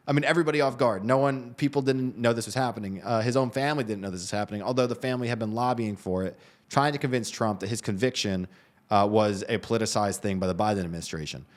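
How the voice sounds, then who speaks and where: Talking over the headlines as a news show co-host, this mid-range male voice is conversational and hedging. He keeps restarting his phrases.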